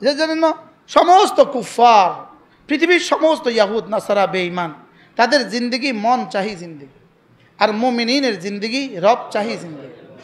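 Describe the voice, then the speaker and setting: A Bangladeshi man with a Noakhali accent preaches a sermon in a very high-pitched voice with lively intonation and a slightly slow pace. He tells anecdotes and uses call-and-response, asking the crowd to repeat his lines.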